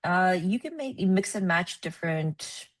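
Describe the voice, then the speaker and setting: A woman presenting at a research meeting, explaining with many ums and pauses. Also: on the low side, animated. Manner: hesitant, many ums and uhs.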